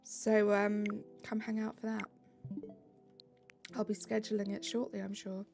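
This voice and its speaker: A British woman streams a game with light music in the background, chatting casually and bubbly reading her viewers' messages aloud. Her voice is medium-pitched, gravelly and a little mellow, delivered in a monotone at an unhurried pace.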